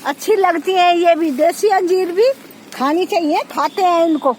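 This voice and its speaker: A village vlogger with a very high, slightly mellow voice chats casually at normal speed as she walks around her farm pointing things out for viewers. This casual walking-tour vlog was recorded on a phone outdoors, with low quality and faint outdoor noise.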